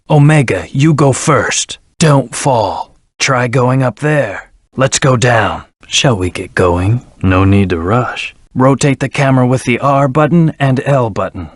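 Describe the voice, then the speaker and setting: A man voicing a brooding, arrogant hedgehog antihero in a video game, with a haughty, clipped, deliberate delivery. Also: medium pitch, dry recording, studio quality, natural voice. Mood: brisk, commanding.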